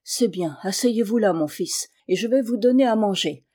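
A woman's voice: medium pitch, lively intonation, moderate pace, mellow, husky. A woman reading aloud and voicing an old mother who protects a boy and scolds her son. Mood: protective.

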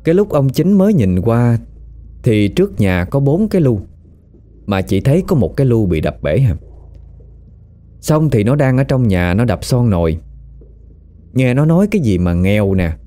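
A man with a Southern Vietnamese accent tells a story in a relaxed, colloquial and lively way, his voice climbing at the tense parts. His pitch is medium, his pace moderate, and he pauses frequently.

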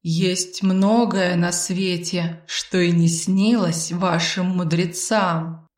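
A woman voicing a teasing, disembodied male sleeper spirit with a tail, speaking in a soft, sly, purring baritone for an audiobook. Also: fairly even intonation, takes it slowly, distant mic. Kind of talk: audiobook character voice. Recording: roomy echo.

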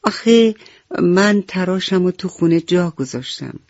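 A woman's voice: lowish voice, animated, a little mellow, dry recording, lo-fi sound. A woman voicing a little grey weasel schoolchild in a radio bedtime story, asking a favour in a raised childlike voice. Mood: pleading. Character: small grey young weasel pupil asking politely.

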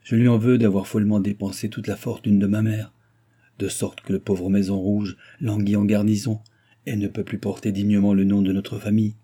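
A proud young noblewoman talks from a trance, hushed and dreamy, with a disdain she makes no effort to hide, as a male reader puts her on. The voice stays low and husky, with a dark, mellow color. She sounds remote, as if seeing far-off things. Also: flat delivery, fairly quick, close to an everyday voice. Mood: disdainful.

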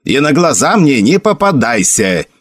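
A man voicing an angry, hot-tempered young noble commander who shouts rebukes. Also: mid-range voice, very animated, measured pace.

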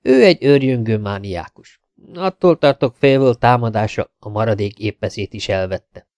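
A man reading an audiobook, voicing a worried male meteorologist who speaks in a measured, sober and earnest way. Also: fairly low pitch, lively intonation, darkish tone, dry recording, natural voice. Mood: grave.

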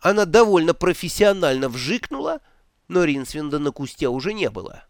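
A man narrating a fantasy audiobook in an expressive, theatrical reading style. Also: on the high side, moderate pace, dry recording, clean studio sound. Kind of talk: scripted narration.

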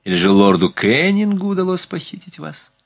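A man's voice: on the high side, very animated, a little fast, gravelly, no echo, pitched above the performer's own voice, heavily acted. A man reading aloud, voicing a worldly, gracious sultana who speaks in a slightly whispery, lisping, confiding way. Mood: teasing.

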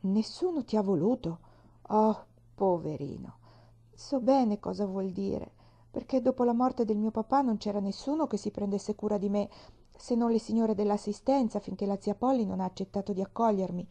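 A woman voicing a cheerful, chatty young girl who talks in excited bursts. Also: medium pitch, moderate pace, lightly acted. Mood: eager, chattering. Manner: breathless, excited exclaiming.

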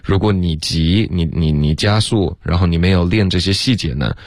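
A man teaching English pronunciation on a radio lesson, patient and drilling sounds slowly with many fillers. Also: deep voice, no echo, clean studio sound.

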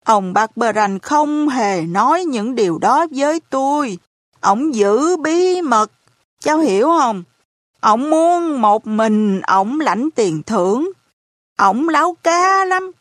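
A woman voicing a hard-of-hearing elderly landlady who speaks in a slow, lamenting, folksy way. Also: high voice, lively intonation, dry recording, studio quality. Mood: lamenting, gossipy.

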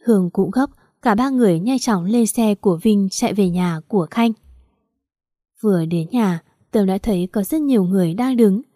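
A woman narrating a romance story in a steady, even storytelling manner. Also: medium pitch, normal speed, no echo, studio quality.

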